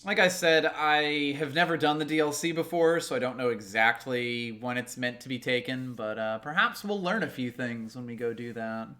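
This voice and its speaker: A man's voice: mid-range voice, moderate pace, hardly any pauses, sharp tone. A man co-hosting a casual video game playthrough, explaining things with dry humor. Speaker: video game let's play co-host. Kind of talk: casual gameplay commentary.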